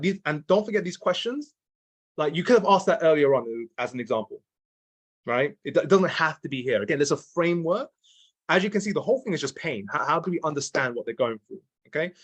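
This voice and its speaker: Man giving casual sales training. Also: on the high side. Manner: repetitive, restarts often, keeps asking "okay?" and "right?"; drops in mild swearing.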